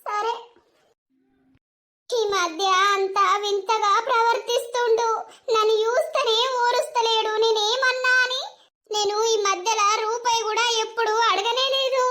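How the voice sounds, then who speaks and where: A woman's voice: very high-pitched, fairly even intonation, unhurried, bright, forceful tone, full character voice. A woman voicing a hurt village housewife who speaks in a plaintive, aggrieved way.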